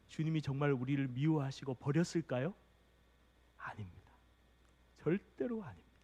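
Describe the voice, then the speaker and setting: A man preaching a sermon as pastor, impassioned, swinging between hushed, near-whispered passages and loud, urgent calls. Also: fairly high pitch, big-room sound.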